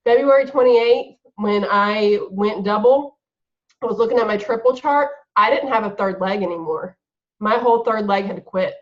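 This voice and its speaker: A woman's voice: mid-range voice, normal speed, dull audio. A woman giving earnest, direct motivational advice on a video call. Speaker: guest team leader.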